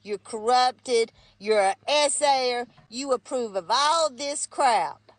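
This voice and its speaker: A woman's voice: on the high side, slow, dry recording. A woman from the North Carolina mountains with an Appalachian accent, venting about politics in a blunt, scolding, folksy way on a live stream. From mountains of North Carolina, United States. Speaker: guest caller on a live stream.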